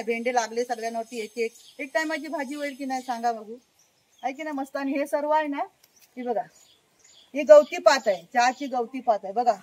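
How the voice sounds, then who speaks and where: High-voiced chatty woman from Konkan. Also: darkish tone, low-quality recording. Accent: Konkan Marathi. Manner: chatty, keeps urging viewers to look. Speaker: vlogger. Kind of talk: casual walk-and-show garden vlog. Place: outdoors in a village garden.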